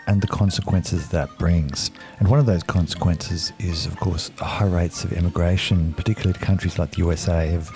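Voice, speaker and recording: Deep-voiced male host narrating. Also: warm tone. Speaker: podcast host. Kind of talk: scripted narration intro.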